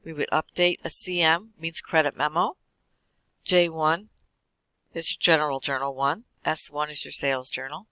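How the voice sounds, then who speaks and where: A man teaching an accounting class, walking through lecture slides quickly with casual fillers. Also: on the high side, steady tone, sharp tone, smooth, no echo, rough recording. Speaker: accounting instructor.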